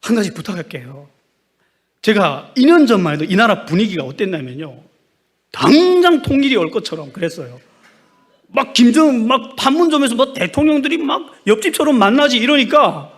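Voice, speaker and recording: A man's voice: sits high, sing-song, moderate pace, husky. A man giving an emphatic testimony sermon as a missionary preacher, putting rhetorical questions to the congregation.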